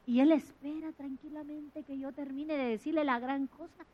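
A woman with a high voice preaches a sermon, swinging between loud, fervent bursts and hushed asides. The recording sounds dull and muffled. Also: steady tone, moderate pace.

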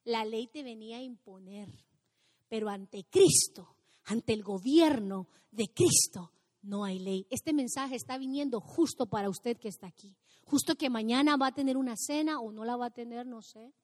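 Woman pastor preaching hard, high voice, goes from shouting to almost whispering, long hall echo. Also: normal speed. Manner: impassioned, swings between shouting and near-whispering. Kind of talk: sermon.

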